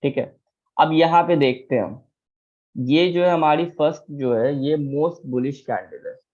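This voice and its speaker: A trading teacher with a darkish, high-side voice talks a little slowly through a chart lesson. He's patient, repeats key terms, and asks if anyone is confused, and the audio sounds tinny and phone-like.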